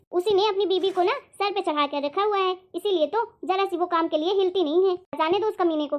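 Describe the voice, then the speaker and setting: A woman playing a quick-tempered middle-aged mother-in-law in a family comedy sketch, nagging and complaining. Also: very high voice. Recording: dull lo-fi audio.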